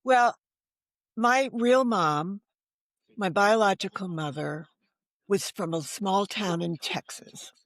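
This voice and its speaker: Over a remote video call, an older American woman, a novelist appearing as an interview guest, tells personal stories in conversation. Her voice is fairly low with no echo. She's candid and self-deprecating, adding rhetorical asides.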